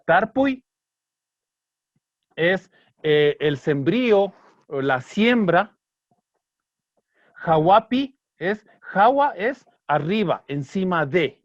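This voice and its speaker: A man teaching an online Kichwa language class, patiently breaking down song lyrics and slowly repeating words. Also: high-pitched, very animated, dry recording. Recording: dry, slightly dull online class audio.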